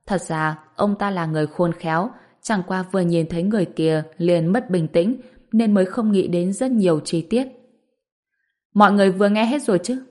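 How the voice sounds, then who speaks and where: Woman narrating a novel, low voice. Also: moderate pace. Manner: steady storytelling, lifting her voice for the characters' lines. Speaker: audiobook narrator. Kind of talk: scripted narration of a serialized novel.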